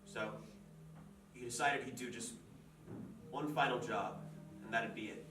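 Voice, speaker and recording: An actor playing a writer who tells a dark fairy tale aloud in a measured, deliberate way, in a stage play. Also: male voice, medium pitch, steady tone, close to an everyday voice. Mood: somber storytelling. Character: grim storyteller telling a dark fairy tale. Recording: echoey stage from far off, with music.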